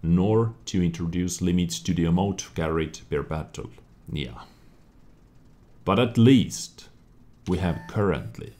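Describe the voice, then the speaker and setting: A gaming video creator with a low, slightly mellow voice casually covers game update news. He reads out each point and then reacts to it.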